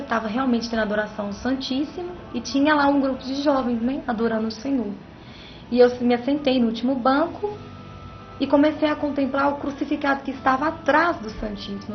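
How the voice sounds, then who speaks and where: A woman's voice: high-pitched, fairly quick. A woman giving a religious testimony on a TV interview show, telling her story emphatically and often adding little tag questions. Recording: muffled broadcast sound with music underneath.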